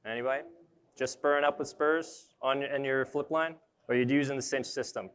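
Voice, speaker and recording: Young man, smooth clear voice, casual trade-show demo, thinks aloud while working, close mic. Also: mid-range voice, steady tone, brisk, a bit bright. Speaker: arborist trainer. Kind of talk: live demonstration talk. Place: indoor trade show booth with a mock tree.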